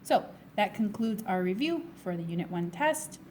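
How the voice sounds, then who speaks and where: A woman teacher with a hoarse, fading voice, working step by step through a recorded math review and asking herself questions before answering them. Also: medium pitch, animated, moderate pace, darkish tone, slight background noise. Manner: steps through problems, asking and answering her own questions. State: hoarse, losing her voice, with coughs. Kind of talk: recorded test review lesson.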